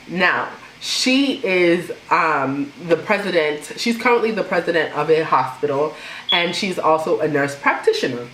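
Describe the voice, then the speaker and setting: A young woman vlogger telling a personal story in a casual, animated way, laughing now and then. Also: deep voice. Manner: animated, laughs while telling, imitates others. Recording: echoey room with faint noise.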